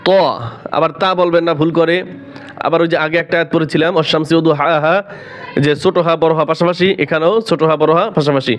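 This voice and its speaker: A man teaching recitation, unwell with a sore throat and cough, who alternates brief explanations with slow, drawn-out chanted verses. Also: fairly high pitch, flat delivery. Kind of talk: tajweed lesson with slow recitation. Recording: dull lo-fi recording.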